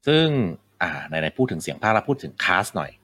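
A man's voice: low voice, very animated, a little fast, sharp tone. A man hosting a casual talk about video games, rambling with many fillers and restarts. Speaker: game podcast host. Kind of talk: casual game discussion.

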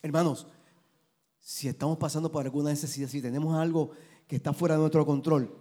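A male pastor preaching a sermon, building to fervent, loud passages. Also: a little high, fairly even intonation, brisk.

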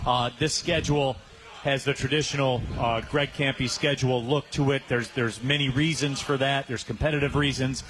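A man's voice: mid-range voice, steady tone, moderate pace, a bit bright, rough recording. A man hosting a sports radio show live from a pub, upbeat, plugging sponsors and asking about the schedule. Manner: upbeat, plugs sponsors, fills with "uh". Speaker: radio host. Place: pub during a live broadcast.

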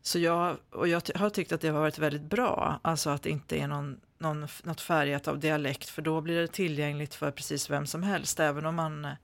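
A man's voice: fairly high pitch, fairly even intonation, vocal fry, few pauses, fairly bright tone, dry recording. A man speaking standard Swedish, answering interview questions as an author in a hesitant way, with many fillers and restarts. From Sweden. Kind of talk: conversational interview.

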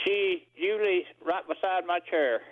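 A male caller chats casually on a radio show. His voice is a little high and comes through a thin, muffled telephone line. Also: measured pace. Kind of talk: casual phone chat.

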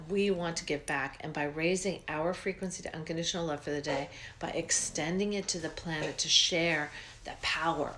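A woman's voice: fairly low pitch, fairly bright tone, a little hiss or hum. A woman talking casually and earnestly as she introduces a meditation, with emphatic phrasing. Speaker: meditation guide.

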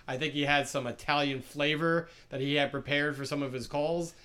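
A man co-hosting a casual basketball podcast, his voice sitting a little high for a man. He talks in a chatty way and retells an announcer's puns with a laugh. He stays conversational and easygoing throughout. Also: fairly even intonation, normal speed, sharp tone, clear, resonant tone. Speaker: podcast co-host. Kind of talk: casual sports chat.

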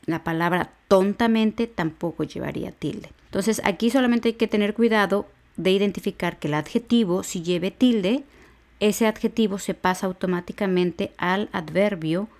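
A woman's voice: medium pitch, a little mellow. A woman hosting an educational podcast, giving a spoken grammar lesson and breaking words down syllable by syllable. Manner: slow, syllable-by-syllable spelling out of words. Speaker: podcast teacher for exam preparation.

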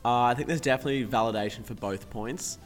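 A man's voice: medium pitch, fast, soft background music. An eighteen-year-old man, co-hosting a podcast in laid-back chat full of fillers and slang. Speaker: podcast co-host. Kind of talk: casual chat.

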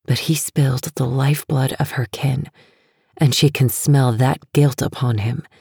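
Woman audiobook narrator, hushed and intimate, very husky, slow, dry close sound. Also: rumbling low, fairly even intonation, no room sound. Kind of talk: scripted narration.

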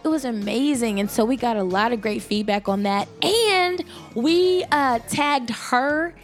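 A young adult woman hosting a podcast, telling stories in an animated, excitable casual chat. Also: measured pace, soft background music. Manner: animated, excitable storytelling with big pitch jumps. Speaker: podcast host.

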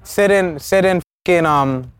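A man's voice: sits high, measured pace, smooth, no room sound. A man with a Toronto urban street accent giving a casual, slang-heavy interview, emphatic, swearing freely and often adding tag questions. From Toronto, Canada. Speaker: rapper being interviewed. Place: outdoors in a neighbourhood. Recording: faint outdoor background noise.

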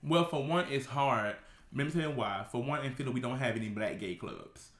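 A man's voice: medium pitch, animated, fairly quick, fairly bright tone. A man in his thirties from Memphis, co-hosting a podcast in blunt, sassy casual chat. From Memphis, USA. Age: 30s. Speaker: podcast co-host. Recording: echoey room.

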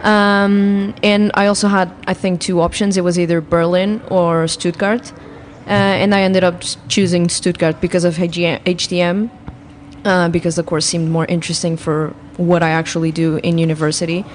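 Young woman, lowish, hesitant. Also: little pitch movement, normal speed, a little hiss or hum. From Portugal. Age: 20s. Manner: hesitant, frequent "um" and "uh". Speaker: student guest. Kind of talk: casual radio chat. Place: student radio studio.

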